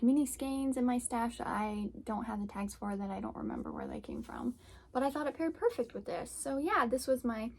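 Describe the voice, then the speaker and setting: A woman's voice: fairly high pitch, gravelly. Chatty woman with a slightly fried voice. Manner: chatty, rambling with many fillers. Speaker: podcast host and yarn dyer. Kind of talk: casual chat.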